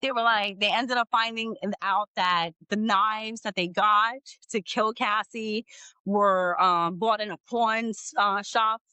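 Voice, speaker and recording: Blunt, bright-voiced woman vlogger. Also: mid-range voice, a little slow, clean tone, no room sound. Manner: blunt and animated, with slangy asides. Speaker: host. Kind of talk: casual true-crime commentary.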